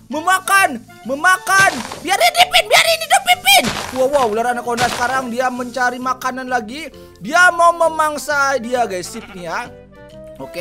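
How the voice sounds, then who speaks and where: A woman hosting a gameplay video, commentating loudly and shrieking in mock panic. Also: high voice. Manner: shrieks and shouts in mock panic, talks to viewers. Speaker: gaming video host. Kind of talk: excited Minecraft gameplay commentary. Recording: loud game music behind.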